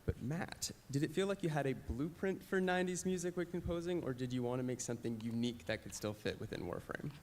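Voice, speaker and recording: A man's voice: fairly high pitch, quick pace, few pauses, a little mellow, a little hiss or hum. Upbeat man hosting a panel. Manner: upbeat, smooth introductions. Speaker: panel host. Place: live convention stage.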